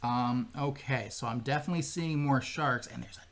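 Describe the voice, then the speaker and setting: A man walks viewers through a board game as he plays, in a relaxed, conversational way. He explains each rule patiently and step by step, checking in with his co-player as he goes. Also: mid-range voice, brisk, a little hiss or hum. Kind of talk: casual board game playthrough commentary.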